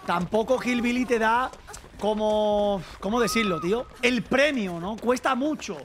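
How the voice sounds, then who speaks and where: A young man from streaming a game, chatting to viewers and shouting and swearing at the action. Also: high-pitched, measured pace, background noise. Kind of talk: live gameplay commentary.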